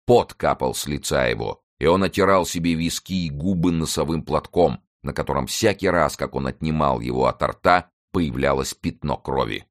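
Very deep-voiced male narrator. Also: normal speed, few pauses. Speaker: audiobook narrator. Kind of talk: scripted narration.

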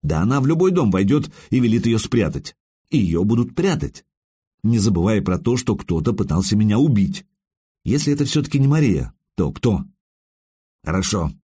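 A man narrating an audiobook in the first person, in an expressive, conversational way. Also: on the low side, normal speed, husky.

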